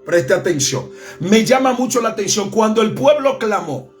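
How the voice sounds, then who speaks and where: A man preaching a sermon with passion, swinging between soft, low passages and loud, climbing ones. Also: big pitch swings, normal speed. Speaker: pastor. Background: faint music.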